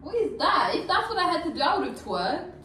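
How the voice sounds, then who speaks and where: A woman's voice: extremely high pitch, very animated, recorded from a distance. A young woman, a guest in a vlog, answering dares with sassy comebacks. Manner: sassy, laughing, quick comebacks. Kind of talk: casual chat during a drinking-game dare. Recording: echoey room, off-mic, loud background noise.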